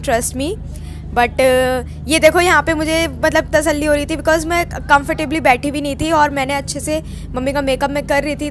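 A woman's voice: sits high, slight background noise. A young woman vlogger narrating her video in a chatty, casual way, mixing in English words. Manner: chatty, mixes Hindi with English words, many fillers.

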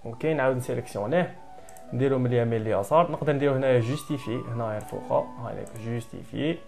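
A man with an Algerian Arabic accent explains a presentation program step by step at a very fast clip. He talks in a brisk, practical way and drops French computer terms into his speech. Soft music plays faintly behind him. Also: medium pitch, gravelly. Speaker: software instructor. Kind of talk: screen-recorded tutorial.

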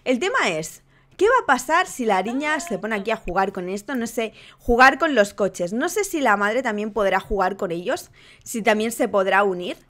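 A young woman speaking talks her audience through her game. She gushes and exclaims at every little detail, in a bright, high-pitched voice. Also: normal speed. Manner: excitable, gushing exclamations. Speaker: gaming youtuber. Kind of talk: casual gameplay commentary.

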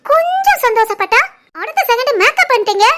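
A woman voicing a caring middle-aged wife and mother in an animated family story, with a southern Tamil Nadu accent and a brisk, homely, scolding manner. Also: very high voice, full character voice. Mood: teasing.

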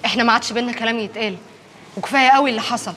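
An actress playing a curt, firm hospital nurse with an Egyptian accent. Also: female voice, a little high, racing, fairly bright tone, soft background music, natural voice.

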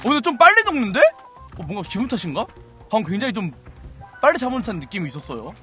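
High, bright-voiced excitable streamer man. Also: quick pace, faint music behind. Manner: playful, mimics gunfire sounds, frequent exclamations. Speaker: game streamer. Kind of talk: excitable gameplay commentary.

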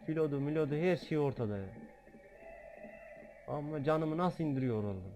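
A man giving let's-play gaming commentary, excitable, joking and swearing freely. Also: fairly high pitch, normal speed, faint music behind. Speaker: gamer.

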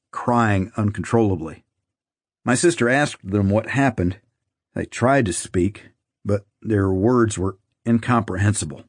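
A man narrating an audiobook in a measured, somber reading. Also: on the low side, no room sound, studio quality. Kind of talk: scripted narration.

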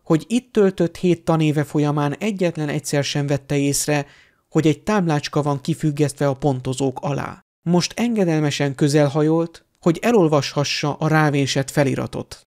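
A man narrating a fan-made audiobook chapter in a steady, even storytelling delivery. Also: fairly high pitch. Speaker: audiobook reader.

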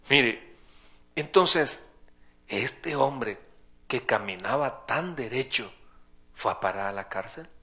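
A man's voice: medium pitch, expressive, very slow, long pauses, pushed and bright. A man preaching a sermon as pastor in a church. He speaks emphatically, repeating his points and firing off rhetorical questions. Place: church sanctuary.

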